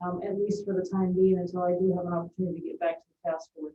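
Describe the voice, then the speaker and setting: Flat, mellow woman heard from afar. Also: lowish voice, racing, a little hiss or hum. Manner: earnest, hesitant with fillers. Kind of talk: board meeting remarks. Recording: distant, roomy, dull meeting-room audio.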